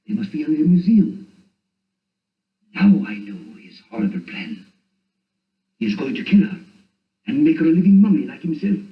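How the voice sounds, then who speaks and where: Earnest worried hero in a 30s horror movie, big pitch swings, dramatic, echoey old sound. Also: male voice, big pitch swings, normal speed, long pauses. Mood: alarmed. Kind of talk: 1930s horror film acting, melodramatic. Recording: distant, echoey, dull 1930s film soundtrack, faint music.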